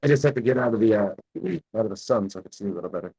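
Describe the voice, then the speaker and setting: A man's voice: lowish voice, racing, mellow, breathy edge, poor audio. A man on a choppy, glitching video call, talking from his phone outdoors in a rambling way, full of fillers and restarts. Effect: choppy, glitching video-call connection. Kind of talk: casual video-call chat. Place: outdoors in the sun.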